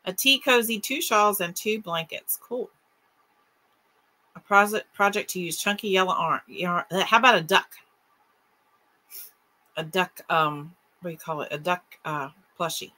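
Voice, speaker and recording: A woman's voice: on the low side, unhurried, long pauses, sharp tone, poor audio. A woman with a West Virginia Appalachian accent, chatting casually and folksily as she co-hosts a livestream and reads out comments. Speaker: crochet livestream co-host. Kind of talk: casual chat, reading viewer comments. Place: room at home, on a video call. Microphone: webcam or computer mic on a video call.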